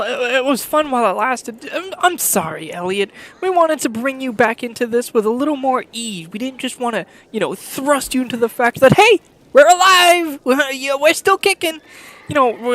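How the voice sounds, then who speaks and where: A woman voicing a scheming male shapeshifter who rambles and stalls with fillers, speaking in a higher voice than her own. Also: close to an everyday voice. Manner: rambling, halting, full of fillers.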